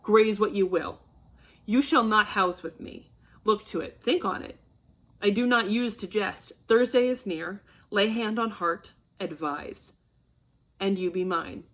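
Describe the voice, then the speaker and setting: A woman reading an angry, domineering old father, a nobleman, who bursts into shouting and scolding. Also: mid-range voice, measured pace. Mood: furious.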